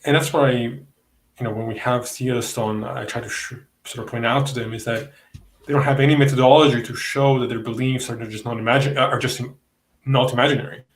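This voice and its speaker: A man's voice: mid-range voice, fairly even intonation, fairly quick, reverberant, rough recording. A man from Italy with an Italian accent, hosting a casual debate podcast and speaking bluntly, with some profanity. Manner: blunt, heated, profane about opponents. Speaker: podcast host.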